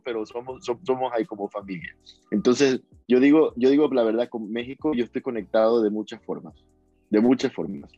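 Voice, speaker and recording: The young Ecuadorian guest musician, with his coastal accent, has a lowish, warm voice as he rambles through a casual interview, repeating and restarting words. The recording is muffled, with no echo.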